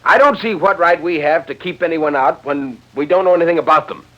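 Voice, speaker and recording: In the style of 1940s radio drama, an actor plays an earnest, stubborn man who objects insistently, agitated and indignant, faltering whenever he's interrupted. The lightly acted voice is on the high side and a bit bright, pitched above the performer's own. The old radio recording sounds dull.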